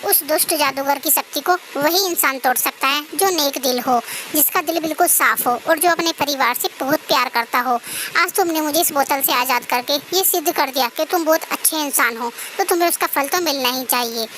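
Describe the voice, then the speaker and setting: A woman's voice: sits high, brisk, fairly bright tone, slight background noise. A woman voicing a kind female fairy trapped in a bottle in a cartoon story, pleading for help and then gracious. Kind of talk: cartoon voice acting.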